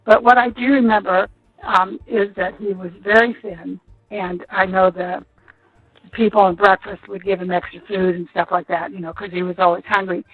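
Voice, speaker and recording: On a phone interview, an American school nurse rambles conversationally through what she remembers, often hedging her memory. Her mid-range voice is steady and at normal speed, with no echo but faint music behind. The call audio is muffled and dull.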